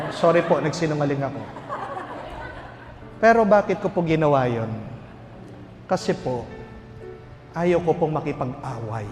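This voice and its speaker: A priest with a Filipino accent preaching at a recollection, telling a humorous story full of rhetorical questions. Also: male voice, sits high. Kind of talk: sermon at a recollection. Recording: hall reverb with faint music.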